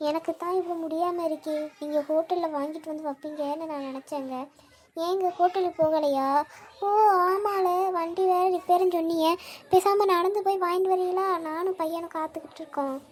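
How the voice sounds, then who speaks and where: Woman doing a squeaky grumbling cartoon wife, put-upon and complaining. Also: fairly even intonation, a little fast, darkish tone. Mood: meek. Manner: complaining, meek toward husband. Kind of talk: cartoon voice acting.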